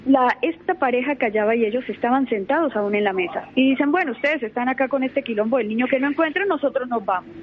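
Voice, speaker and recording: Speaking quickly with hardly any pauses, this young Colombian lawyer has a voice that sits high and a self-assured, assertive manner on a radio interview. She sometimes repeats words while gathering her thoughts, captured in muffled radio audio with faint noise.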